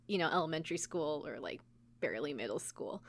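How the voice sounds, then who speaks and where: Low-pitched, animated and brisk, this podcast co-host recaps an anime episode as a casual story, peppering it with "like" and quoted asides. The recording is dry.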